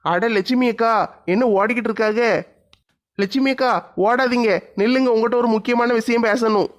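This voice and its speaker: A woman's voice: a little high, steady tone, brisk, pitched below the performer's own voice, close to an everyday voice. A woman puts on a village lad in a comedy skit, pushing her voice far down. He asks puzzled questions and calls out. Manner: puzzled, calling out. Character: young village man, curious messenger.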